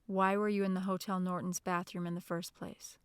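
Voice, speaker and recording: A woman reading the lines of a calm, serious male federal agent who asks probing questions in a measured, formal way. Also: lowish voice, clear, resonant tone, no room sound, close to an everyday voice. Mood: questioning.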